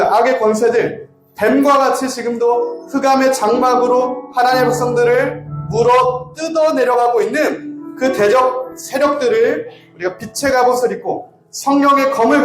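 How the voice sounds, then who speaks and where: A man preacher giving a sermon that builds into impassioned, shouted prayer. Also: very high-pitched, roomy sound. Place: church sanctuary.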